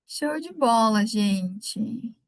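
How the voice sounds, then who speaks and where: Here a webinar speaker from Rio Grande do Sul talks live with a light Gaúcho Brazilian Portuguese accent, her fairly high voice full of lively intonation, stretched-out words and vocal fry. The recording is dry but poor in quality. She chats easily, welcoming viewers warmly by name.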